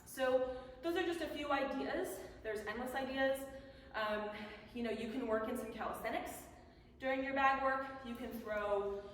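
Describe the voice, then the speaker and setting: A woman's voice: high voice, normal speed. A woman giving casual, conversational instruction as a boxing coach. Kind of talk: instructional talk on bag drills. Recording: echoey hall, distant mic, faint noise.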